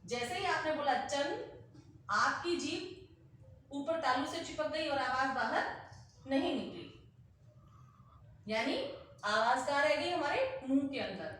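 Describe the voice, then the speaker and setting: A woman teacher explaining a grammar lesson slowly, repeating example words aloud to demonstrate. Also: sits high, expressive, fairly bright tone, a little hiss or hum. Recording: very echoey room, heard from a distance.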